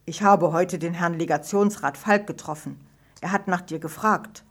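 Brief: strict, gaunt storybook father, loud and stern, voiced by a woman. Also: lowish voice, moderate pace, lightly acted.

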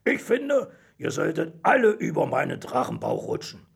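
A man's voice: sits high, very animated, moderate pace, creaky, breathy edge, voice pushed up, exaggerated voice. A man voicing a big, friendly male dragon who hisses his words in a children's story. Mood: cheerful. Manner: hissing.

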